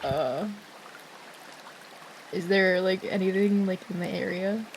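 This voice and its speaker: A woman's voice: lowish voice, takes it slowly, slight background noise, low-quality recording. A woman playing a tabletop game, talking hesitantly with lots of fillers. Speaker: player. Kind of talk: casual tabletop play.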